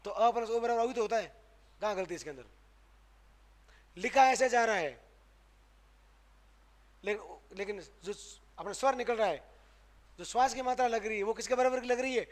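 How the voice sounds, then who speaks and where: A Hindi grammar teacher from Rajasthan, India, lectures emphatically in a classroom, with a high-sitting voice and fast delivery. He puts questions to the room and answers them himself before moving on, repeating sounds with extra stress so students can hear the difference.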